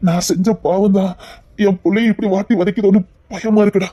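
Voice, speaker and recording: A man's voice: fairly even intonation, brisk, dark tone. A man voicing a guilt-ridden ruler. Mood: guilty. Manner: troubled, pleading, low and heavy. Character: guilt-ridden middle-aged male ruler. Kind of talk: dramatic audio story reading.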